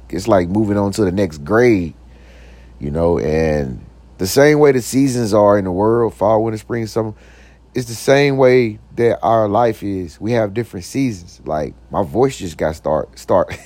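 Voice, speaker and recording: A young man hosts his own podcast, giving a casual motivational talk in a slightly mellow voice that has recently gotten deeper, recorded with no echo. He speaks loosely with lots of slang and "you know what I'm saying," joking around and putting on silly voices.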